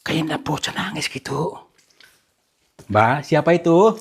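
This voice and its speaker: A man hosting a ghost-hunting vlog who politely coaxes and soothes unseen spirits, often hushed. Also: fairly high pitch, lively intonation, unhurried, slightly rough. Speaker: paranormal explorer host.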